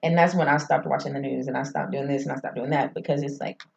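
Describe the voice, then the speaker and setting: A woman's voice: very deep voice, steady tone, fast talker, creaky, slight background noise. A woman from Arkansas, a guest on a podcast, talking in a reflective, rambling, casual way. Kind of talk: casual chat. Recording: roomy, slightly muffled podcast audio.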